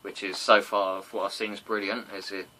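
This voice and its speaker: Chatty man with bright voice. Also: lowish voice, level tone, a little fast, slight background noise, rough recording. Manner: chatty, rambling, breaks into silly sung impressions. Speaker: podcast host. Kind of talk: casual wrestling review chat.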